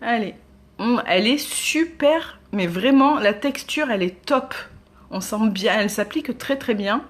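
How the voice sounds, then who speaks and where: A woman's voice: a little high, lively intonation, measured pace. A woman, chatting casually as a beauty vlogger demonstrating makeup, with many hesitations. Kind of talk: casual product demo.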